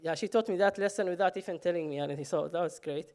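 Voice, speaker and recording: A man's voice: high voice, fast, a little mellow. A man from Somalia, telling a personal story on stage with self-mocking humor and frequent "uh" fillers.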